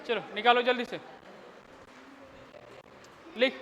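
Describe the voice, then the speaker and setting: A man's voice: extremely high pitch, steady tone, slow pace, a bit bright, slight background noise. A male physics teacher running a rowdy class, scolding and teasing his students in crude slang between dictated questions. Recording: lo-fi classroom recording in a reverberant room.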